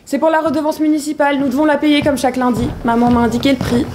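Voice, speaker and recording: A woman's voice: sits high, flat delivery, quick pace, darkish tone, roomy sound, slight background noise, natural voice. A woman playing a naive, earnest young girl with prim, innocent replies on a live stage. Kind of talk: live stage comedy acting.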